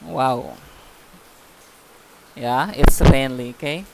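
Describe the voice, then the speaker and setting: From home, with heavy rain pouring outside, a man teaches an online English class that mixes Indonesian and English, explaining patiently and using many fillers. His medium-pitched voice is extremely slow with vocal fry, and rain noise fills the background.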